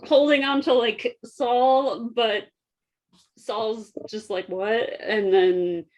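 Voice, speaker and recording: A woman's voice: a little high, steady tone, takes it slowly, darkish tone. A woman narrating as game master of a tabletop game, loose and giggly, with casual swearing.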